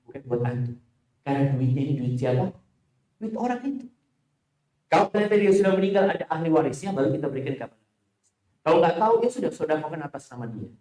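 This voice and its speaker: Animated male preacher in an echoey hall. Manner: animated, jumps to high pitch for emphasis. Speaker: Islamic preacher. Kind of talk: sermon answering audience questions.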